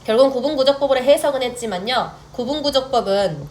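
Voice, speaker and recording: A woman's voice: high-pitched, lively intonation, quick pace, a little mellow, a little hiss or hum. A young woman teaching a math lecture, stepping through formulas and often checking that students follow along. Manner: checks in with students, mixes polite and casual speech.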